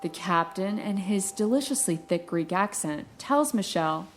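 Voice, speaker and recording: A woman's voice: mid-range voice, lively intonation, moderate pace, a little hiss or hum. A woman hosting a true-crime review podcast, retelling the story with playful, sarcastic asides. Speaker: podcast host.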